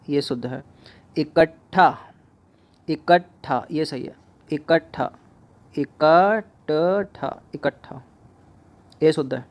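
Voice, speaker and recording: A male exam coach speaking, his voice sitting a little on the high side. He works through spelling questions one by one, saying each word over and over and asking the class which form is right. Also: clear, resonant tone. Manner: repeats each word several times, asks students questions. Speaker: exam prep teacher. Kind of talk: spelling lesson explaining answers.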